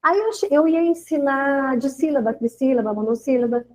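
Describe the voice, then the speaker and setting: Brief: Brazilian woman teacher, high voice, lively storyteller who acts out classroom exchanges. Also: normal speed, poor audio. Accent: Brazilian Portuguese. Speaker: schoolteacher sharing classroom experience. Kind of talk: informal spoken account in a course discussion.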